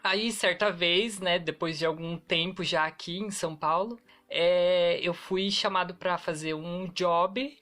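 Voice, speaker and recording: A man's voice: high voice, fairly even intonation, a little slow, few pauses, bright, forceful tone. A man telling a personal story on a podcast, hesitant and sprinkled with tag fillers. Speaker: podcast co-host, actor. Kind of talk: casual storytelling.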